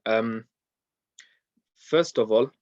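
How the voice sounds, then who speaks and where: A man's voice: on the low side, drawn-out words, darkish tone, no echo, muffled recording. A man teaching a beginners' recitation lesson, explaining pronunciation patiently and step by step, with frequent ums and uhs.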